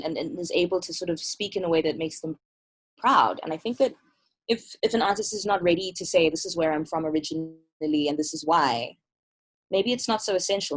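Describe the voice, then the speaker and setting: A woman from Malawi speaks as an interview guest over a video call, with a lowish, husky voice. Her delivery is thoughtful and measured. She reflects aloud as she answers. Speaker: guest, music festival curator. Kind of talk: casual interview talk.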